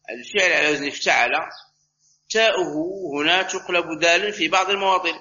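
A man teaching an Arabic grammar lesson, explaining step by step and slowly repeating each word form. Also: on the high side, pushed and bright. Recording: slightly dull recording with faint noise.

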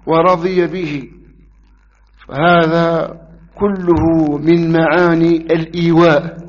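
A man teaching a religious lesson, taking his time and leaning on the words that matter. His voice sits a little high for a man. The recording is dull and lo-fi. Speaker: hadith teacher. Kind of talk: religious lesson explaining hadith.

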